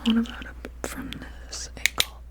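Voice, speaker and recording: A woman in a whispered role-play, mumbling to herself in a breathy whisper with soft murmurs, hums and half-finished phrases that trail off. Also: normal speed. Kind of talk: whispered ASMR role-play of studying the listener and taking notes.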